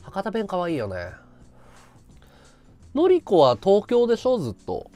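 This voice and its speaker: A man from Chiba talks casually to his live-stream audience, rambling from story to story and laughing as he goes. His pitch swings widely and constantly, and faint music plays underneath. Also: unhurried. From Chiba, Japan. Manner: rambling, animated, laughing at his own stories. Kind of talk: casual chat with viewers.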